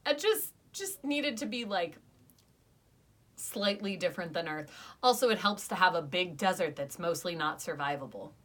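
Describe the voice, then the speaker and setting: With a fairly low, fairly bright voice, this young woman speaks expressively at a moderate pace. She's co-hosting a casual podcast review, chatty and eager, trading playful arguments with a friend.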